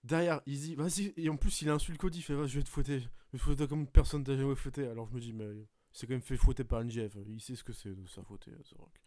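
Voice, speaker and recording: A man hosting a podcast, swearing often as he retells a wrestling match in an animated play-by-play. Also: mid-range voice, fast, no room sound, clean studio sound. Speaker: podcast host. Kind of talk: casual podcast chat, excited match recap.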